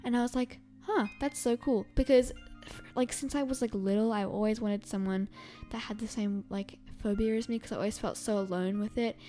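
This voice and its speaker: A woman's voice: medium pitch, steady tone, fairly quick, warm tone, faint music behind. A young woman from Australia hosting a podcast, chatting casually and rambling with many fillers and laughs. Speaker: podcast host. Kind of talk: casual chat.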